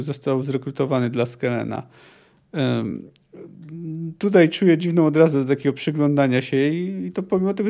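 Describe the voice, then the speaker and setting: Mellow-voiced man musing over a book. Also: fairly high pitch. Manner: thinking aloud with many restarts and fillers. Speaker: podcast host discussing a book. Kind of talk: casual book discussion.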